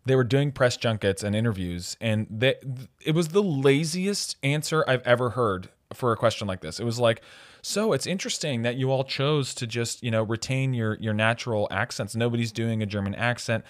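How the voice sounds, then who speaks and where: A man's voice: medium pitch, lively intonation, normal speed. A man in a casual film discussion, chatty and full of "like", often quoting others.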